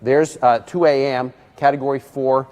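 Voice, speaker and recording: An American man with a mid-pitched voice talks through live weather as a TV meteorologist. He improvises as he goes, breaking his phrases with frequent hesitations and pauses. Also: fairly even intonation, darkish tone. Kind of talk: live ad-libbed weather commentary.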